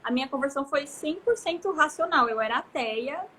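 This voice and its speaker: A woman in her thirties with a Brazilian Portuguese accent, a guest in a casual live conversation, telling stories in an expansive, animated way. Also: sits high, a little fast, a little hiss or hum. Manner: expansive, gesturing, animated storytelling.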